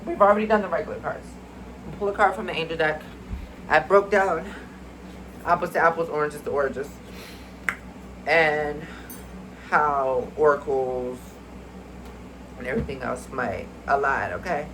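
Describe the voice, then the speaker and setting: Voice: medium pitch, moderate pace, long pauses, background noise. Chatty spiritual card reader, meandering and mystical, middling voice, kinda congested. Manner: chatty, addresses viewers as y'all. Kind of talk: casual spiritual card reading to camera.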